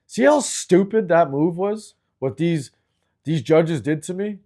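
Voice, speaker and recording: A man's voice: fairly high pitch, expressive, a little slow, mellow. A middle-aged man from Canada hosting his own video, ranting angrily and with lots of swearing about complaint agencies. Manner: angry, frustrated, profane. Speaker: video host. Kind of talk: ranting commentary.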